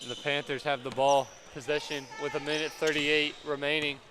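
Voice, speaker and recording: A young man calling live high school basketball play-by-play, with quick calls that rise when big plays happen. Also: flat delivery. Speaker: play-by-play commentator. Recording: noisy gym ambience. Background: gym crowd and bouncing basketballs.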